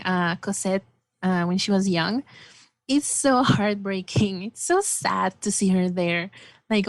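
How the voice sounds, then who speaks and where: Female podcast guest, animated and enthusiastic, dry close recording. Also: medium pitch, dry recording. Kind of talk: casual film discussion.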